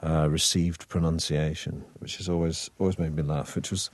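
A man's voice: rumbling low, level tone, normal speed, no echo, clean studio sound. A man with a Manchester accent, an actor chatting as an interview guest in a wry, hesitant way full of restarts. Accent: Manchester (northern English). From Manchester, England. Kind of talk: relaxed interview conversation.

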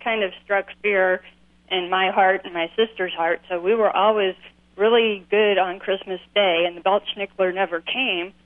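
A woman's voice: medium pitch, fairly even intonation, normal speed, no room sound. Caller role: friendly woman on a tinny, clipped phone line, dry and close. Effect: clipped telephone line. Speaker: radio call-in caller. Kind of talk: casual call-in chat.

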